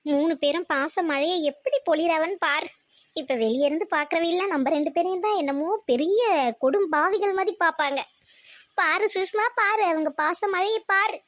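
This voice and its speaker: Actress as a sharp-tongued young daughter-in-law, sarcastic and scolding, bright higher voice, dry close sound. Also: female voice, normal speed, dry recording. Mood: mocking. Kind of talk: cartoon voice acting.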